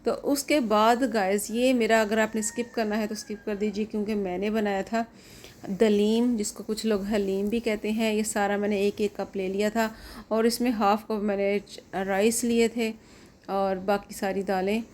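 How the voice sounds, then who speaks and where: A middle-aged Pakistani woman with a Pakistani Urdu accent talks casually over her home vlog. Her voice sits at an ordinary middle pitch, and she often repeats phrases and stops for fillers. Faint noise hums behind her. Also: little pitch movement, a little mellow. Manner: chatty, repeats herself, many pauses and fillers. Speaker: vlogger.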